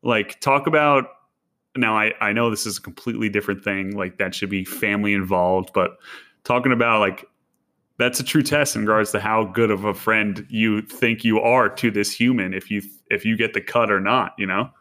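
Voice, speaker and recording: Young male podcast co-host, slangy and animated, voice a bit low. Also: normal speed. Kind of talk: casual chat.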